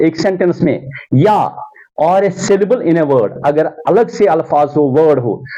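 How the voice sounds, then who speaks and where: Male English tutor, slightly high voice, unhurried classroom delivery, lo-fi recording. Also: warm tone. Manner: slow, deliberate, drawing out example words; mixes Hindi-Urdu explanation with English examples. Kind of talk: classroom lesson on pronunciation. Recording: dull, lo-fi sound.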